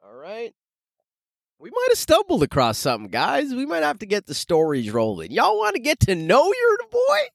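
A man in his thirties from Canada, later Arizona, works as a stand-up comedian and hosts a casual solo podcast where he tells stories in profane, slangy, animated fashion, calling listeners "guys." His very high voice is gravelly and moves at a moderate pace. The studio-quality recording has no echo.

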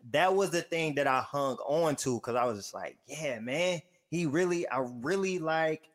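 A man in a relaxed conversation, talking in slang and telling stories. He acts out what others said, jumping up into lively put-on voices. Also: on the high side, normal speed. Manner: animated storytelling, slangy, acts out quotes. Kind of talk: casual chat.

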